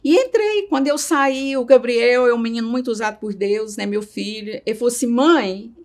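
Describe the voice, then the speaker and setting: A woman's voice: fairly high pitch, a little fast, a little mellow. Emotional Brazilian woman sharing a testimony. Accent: Brazilian Portuguese. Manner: emotional, tags sentences with a questioning "right?". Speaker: interviewee. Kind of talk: personal testimony.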